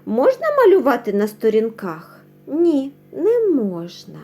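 Brief: woman, kindergarten teacher, slow and patient, lively rising and falling pitch. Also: soft background music. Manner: slow, patient, asks and answers her own questions; sings out sounds and words drawn out. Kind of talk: lesson for young children.

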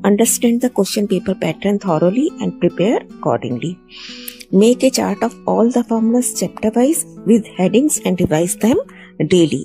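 Gravelly-voiced woman teacher giving exam tips. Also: medium pitch, dark tone. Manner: calls students "beta", mixes Hindi and English; reads English tips slowly. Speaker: maths teacher. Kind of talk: exam tips lesson to students.

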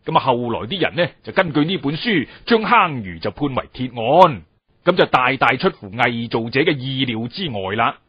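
Husky, animated Cantonese male pingshu storyteller. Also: medium pitch, no echo, lo-fi sound. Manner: expressive storyteller delivery with drawn-out phrases and colloquial asides. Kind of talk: Cantonese pingshu storytelling, narrated history with colloquial asides.

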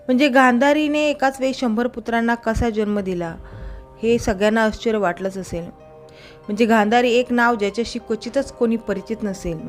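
A woman's voice: on the high side, fairly even intonation, normal speed, soft background music. A woman telling a traditional story in a casual, conversational way, now and then correcting small slips as she goes.

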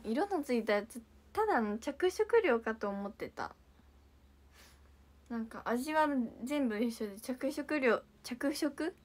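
A young woman with a bright, high-pitched voice. She chats casually and giggles often, reacting to viewer comments with quick, bubbly surprise. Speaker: idol livestream host. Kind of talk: casual livestream chat reading viewer comments.

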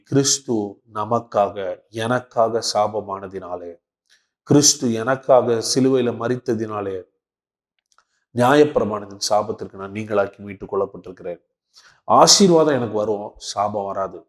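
A male pastor from Tamil Nadu, giving a devotional sermon and prayer to camera in short, repeated, emphatic phrases. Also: medium pitch. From Tamil Nadu, India. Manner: repetitive, rhythmic preaching in short emphatic phrases. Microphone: speaking to camera for a video.

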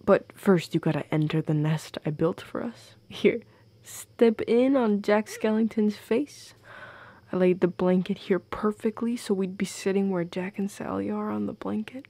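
Tender and bashful, a woman voices an affectionate, playful goth girlfriend for an intimate audio roleplay, teasing softly with a breathy tone. She speaks at a measured pace in a mid-range voice, recorded close on a dry microphone.

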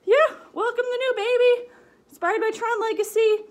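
A woman's voice: very high voice, steady tone, normal speed. A woman chatting casually in a vlog, giggly and rambling, her voice muffled inside a costume head. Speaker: vlogger.

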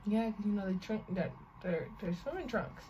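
A woman's voice: mid-range voice, lively intonation, moderate pace, warm tone, highs cut off. A young woman chatting casually as co-host of a home joke challenge. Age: young adult. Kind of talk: casual chat. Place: bedroom, indoors. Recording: faint noise in home room.

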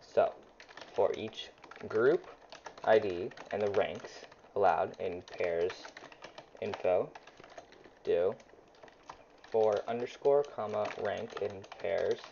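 Speaking slowly with long pauses, this young man has a fairly low, gravelly, mellow voice. He's a YouTuber teaching game scripting in a screen-recorded tutorial, casually thinking aloud as he types and using lots of ums. A desk mic near a loud keyboard yields dull lo-fi home audio with faint typing noise.

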